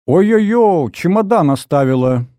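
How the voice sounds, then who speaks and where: A man's voice: a little high, lively intonation, unhurried, mellow, dry recording, studio quality, voice pushed up. A man voicing a fussy, affectionate middle-aged mother in an audiobook, with doting, fretful exclamations. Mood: fussing. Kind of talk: audiobook character voice.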